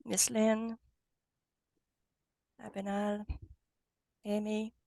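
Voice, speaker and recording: A woman's voice: mid-range voice, level tone, very slow, gravelly, warm tone, no room sound, studio quality. A woman hosting a casual online workshop, losing her voice and coaxing the group to ask questions. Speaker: workshop host. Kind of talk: casual video-call workshop.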